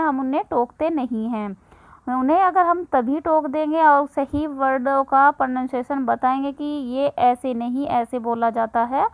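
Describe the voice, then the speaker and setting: Woman, 30s, high voice, dry close recording; chatty parenting tips host who pauses often. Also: dry recording, low-quality recording. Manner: conversational, with frequent filler pauses. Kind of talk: casual instructional talk.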